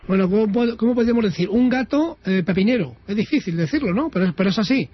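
A man hosts a local radio interview, his voice pitched high for a man. He speaks haltingly, pausing and restarting. The sound is muffled, as if from a radio broadcast. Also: expressive, breathy edge, no room sound. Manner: hesitant, halting with many pauses. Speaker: radio host.

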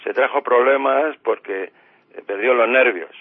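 A man's voice: medium pitch, a little slow, no room sound. A man explaining grammar patiently on a radio show, using everyday examples. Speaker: language expert guest. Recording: tinny phone line.

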